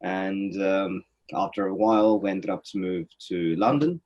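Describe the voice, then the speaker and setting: Thoughtful man with a low voice. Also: unhurried, darkish tone, dull audio. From Norway. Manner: thoughtful, many fillers and restarts. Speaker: interview guest, poet. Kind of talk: reflective conversational answers. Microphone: webinar video call.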